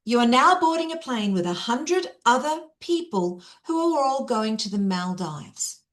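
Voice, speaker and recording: A woman's voice: fairly high pitch, sing-song, a little slow. A woman, middle-aged, giving a chatty, upbeat keynote over a video call and talking straight to her audience. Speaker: keynote speaker. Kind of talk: interactive online workshop presentation.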